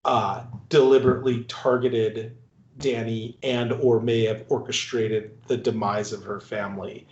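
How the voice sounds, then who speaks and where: A man's voice: mid-range voice, level tone, measured pace, darkish tone. A man hosting a podcast in casual movie talk, rambling and restarting, often laughing. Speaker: podcast host. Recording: roomy, dull recording.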